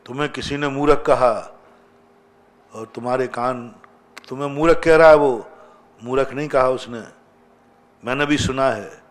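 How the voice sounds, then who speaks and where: Slow-preaching man giving a sermon. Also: mid-range voice. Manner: slow, chanting scripture, rising to emphatic outbursts. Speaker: Jain monk preaching.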